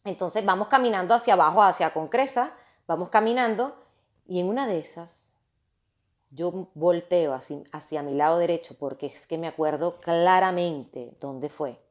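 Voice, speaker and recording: A woman casually telling a personal story to her listeners, animated and often restarting and repeating her phrases. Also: fairly low pitch, moderate pace.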